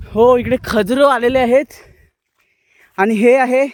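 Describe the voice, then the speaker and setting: Speaking slowly in a very high-pitched, steady voice, a young man vlogs casually for his viewers, hopping between languages and saying things more than once. The recording is dry, made mostly outside in the windy countryside.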